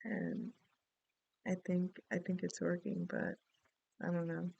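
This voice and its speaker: A woman's voice: lowish voice, flat delivery, slow pace, creaky, darkish tone, no echo, muffled recording. A middle-aged woman from the Dominican Republic, giving a casual spoken astrology reading and rambling through a story with many asides. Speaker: astrology and tarot reader.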